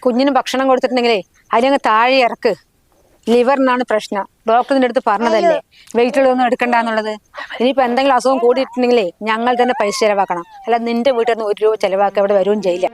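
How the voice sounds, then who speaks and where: A woman's voice: on the high side, fairly even intonation, fast talker, lightly acted. A middle-aged woman playing a nagging mother-in-law who scolds harshly in a family short film.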